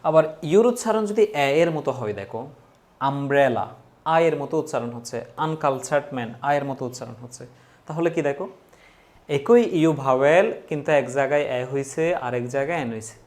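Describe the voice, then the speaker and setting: Male English tutor, mid-pitched, asks and answers his own questions, spells out examples slowly. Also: lively intonation, darkish tone. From Bangladesh. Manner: asks students questions and answers them himself; slows down to read out example words one by one. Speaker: English teacher. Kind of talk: grammar lesson for exam students.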